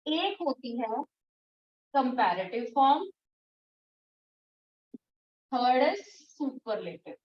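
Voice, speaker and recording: A woman teaching English grammar in an online class, patient, repeating and drilling words slowly. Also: sits high, very animated, roomy sound, recorded from a distance, muffled recording. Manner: firm when scolding students.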